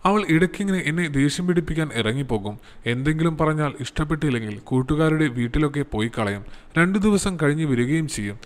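A man's voice: a little high, expressive, quick pace, lightly acted. A man voicing a distraught young husband whose wife is missing, speaking in a choked, pleading way.

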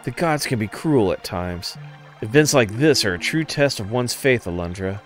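A man voicing a solemn male village priest in a comic let's-play, pious and measured. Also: medium pitch, lively intonation, soft background music, close to an everyday voice.

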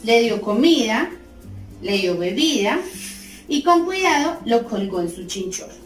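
A woman narrating a children's story in a slow, expressive, sing-song way. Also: on the high side. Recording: roomy, distant mic, faint music.

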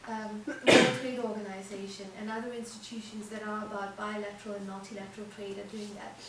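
A woman speaking as a panelist in a seminar, measured and thoughtful, with frequent ums. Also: mid-range voice, flat delivery. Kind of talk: panel discussion answer. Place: seminar room with audience. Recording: echoey room, distant mic, audible noise.

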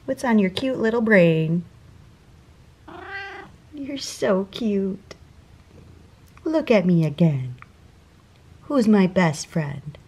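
Woman, 30s, home-kitchen cooking vlogger, relaxed slow delivery, lots of restarts. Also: medium pitch. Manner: chatty, self-interrupting, laughs at her own slips. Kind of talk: casual meal prep vlog. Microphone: camera mic at arm's length and on the counter.

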